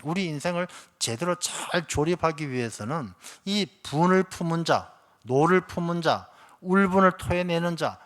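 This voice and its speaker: A male pastor preaching a sermon, telling a fable and acting out quotes with animated delivery in a church. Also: on the high side. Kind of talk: sermon with storytelling. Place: church sanctuary.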